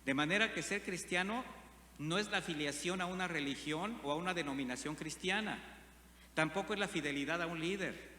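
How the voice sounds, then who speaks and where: A man preaches a sermon, often putting questions to the congregation. His voice is bright and forceful. It rings through a roomy church hall with a long echo and a faint hum behind it. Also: a little high, brisk. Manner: asks the congregation frequent rhetorical questions. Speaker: pastor.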